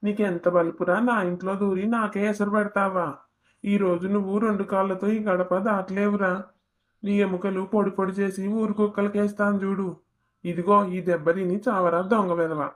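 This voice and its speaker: Karthik is a hot-tempered young husband in a cartoon family drama, voiced by a woman. He barks threats and insults in a flat, even delivery with an ordinary mid pitch. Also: moderate pace, close to an everyday voice. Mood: enraged. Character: furious rural husband, young man, threatening.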